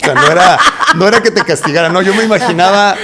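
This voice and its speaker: A man's voice: high voice, quick pace, a crowd in the background. A man with a Mexican accent, a voice coach talking at length in a casual interview and often asking rhetorical questions. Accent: Mexican Spanish. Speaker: voice coach guest.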